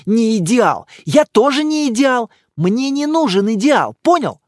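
A man voicing an angry, scornful young woman who shouts at her boyfriend as she leaves him. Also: sits high, animated, normal speed, no room sound, studio quality. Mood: exasperated.

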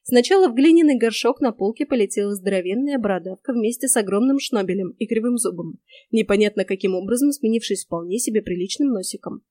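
A woman narrates a first-person story with lively storytelling. Her voice sits at an average pitch. The recording is dry and close, with no room sound. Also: fast, no room sound. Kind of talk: audiobook narration.

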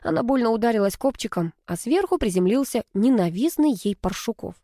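A woman reading a story aloud as an audiobook narrator, in an even storytelling manner. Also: fairly high pitch, fairly quick, dry recording, clean studio sound. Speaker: audiobook reader. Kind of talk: scripted narration.

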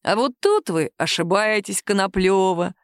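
A woman voicing a calm, caustic male police captain who questions a suspect slowly in an audiobook. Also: fairly high pitch, no echo. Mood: dry. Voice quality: nagging, dry. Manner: slow, calm, measured interrogation.

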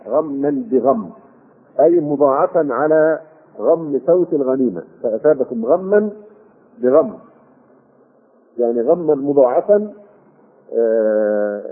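An older man with an Egyptian Arabic accent giving a Quran commentary lesson, explaining with rhetorical questions and drawn-out fillers. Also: medium pitch, expressive. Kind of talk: classroom tafsir lesson. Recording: phone-like husky lo-fi.

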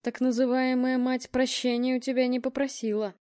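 A woman voicing an eerie male clairvoyant, speaking slowly in a cold, stony tone. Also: high voice, level tone, dark tone, no echo, studio quality, lightly acted.

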